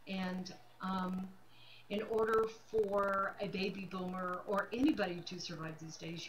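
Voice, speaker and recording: A fifty-nine-year-old self-employed realtor hosts a livestream, talking casually and candidly to camera and repeating phrases for emphasis. Her voice is medium-pitched with a fairly bright tone, and the poor audio has slight background noise.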